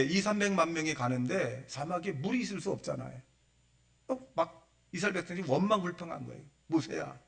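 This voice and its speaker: A male pastor giving a Sunday sermon, acting out the voices he quotes and swinging between loud bursts and hushed asides. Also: fairly high pitch, recorded from a distance. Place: church sanctuary.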